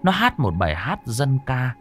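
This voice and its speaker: A man narrating a horror story in a slow, expressive, dramatic manner. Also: medium pitch, faint music behind.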